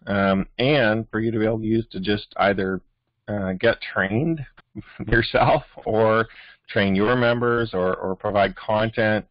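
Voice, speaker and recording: A man's voice: lowish voice, no echo, dull audio. A man with a Canadian accent hosting a business training call, talking casually with lots of fillers and restarts. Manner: rambling, many fillers and restarts. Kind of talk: casual motivational talk.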